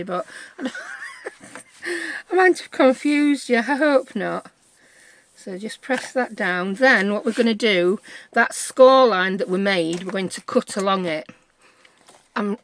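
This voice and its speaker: A woman's voice: mid-range voice, a bit bright, dry recording. British woman, chatty craft tutorial. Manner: chatty, thinks aloud, checks with listeners using tag questions. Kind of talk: casual step-by-step craft demonstration.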